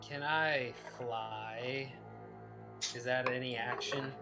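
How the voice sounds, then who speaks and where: Slow-talking man at a tabletop game. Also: medium pitch, steady tone, music in the background. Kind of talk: casual game talk.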